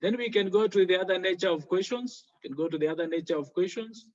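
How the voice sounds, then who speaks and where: A man's voice: sits high, fast, darkish tone, highs cut off. A man teaching a French exam lesson, explaining each step with worked examples.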